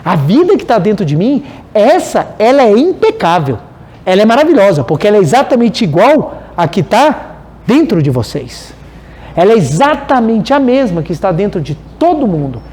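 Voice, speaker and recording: A man with a Brazilian Portuguese accent giving a religious study talk, animated and telling stories while speaking straight to his audience. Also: high voice, moderate pace. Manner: animated, storytelling, addresses the audience directly. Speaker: spiritual lecturer.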